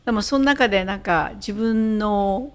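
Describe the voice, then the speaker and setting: An older woman from Japan, a guest in a radio interview, talking briskly and modestly with laughter. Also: medium pitch.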